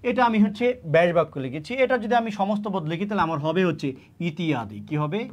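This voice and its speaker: Man, grammar teacher, exam-prep lesson, fairly high voice, repeats key words. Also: animated, rapid-fire. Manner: repeats key words and asks then answers his own questions.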